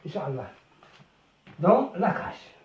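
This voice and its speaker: A French teacher giving a beginner phonics lesson, stretching out syllables and repeating each word slowly. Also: mid-range voice, sing-song, distant mic. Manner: slow, drawn-out syllables, repeating words. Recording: echoey room, voice from off the mic.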